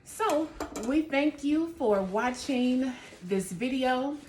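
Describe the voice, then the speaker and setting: Unhurried woman chatting about her baking. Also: sits high, lively intonation, a little mellow, a little hiss or hum. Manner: easygoing, chatty, talks to viewers directly. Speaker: home baking channel host. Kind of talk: casual cooking vlog chat.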